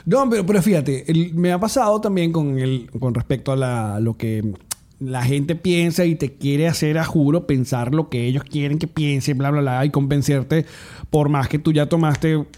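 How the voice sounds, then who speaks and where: A man's voice: fairly high pitch, normal speed, dark tone. A man, co-hosting a podcast in casual chat, joking and rambling in banter. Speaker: podcast co-host.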